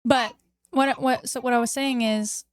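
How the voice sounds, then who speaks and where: A woman's voice: fairly high pitch, steady tone, measured pace, no echo, clean studio sound. A woman streamer in casual chat after a game, talking in a chatty way with many fillers. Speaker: streamer host.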